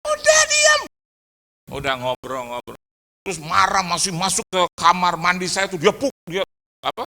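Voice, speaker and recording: A male pastor preaching at a fellowship gathering, telling a funny story with lively, acted-out dialogue. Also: sits high, normal speed. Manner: animated, humorous, acts out dialogue. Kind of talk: sermon with storytelling.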